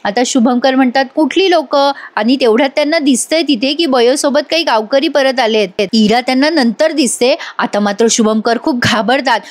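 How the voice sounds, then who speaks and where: A woman's voice: high voice, moderate pace, hardly any pauses. A woman giving a casual voice-over review of a TV serial episode, chatting and talking straight to her viewers. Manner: chatty, addresses viewers directly.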